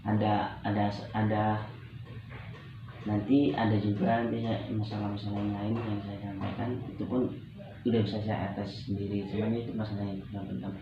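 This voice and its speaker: A young man from Medan, North Sumatra, Indonesia, with a Medan accent, plays the client in a practice counselling session, talking over his personal problems. His fairly low voice has little pitch movement and a moderate pace, and he sounds hesitant, repeating phrases. The recording is very echoey and muffled, with faint background noise.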